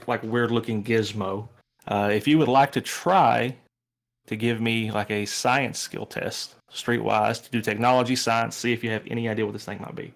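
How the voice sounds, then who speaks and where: A male game master with a mid-range voice narrates the tabletop scene in a relaxed, chatty way. He often restarts his sentences as he goes. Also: mid-range voice.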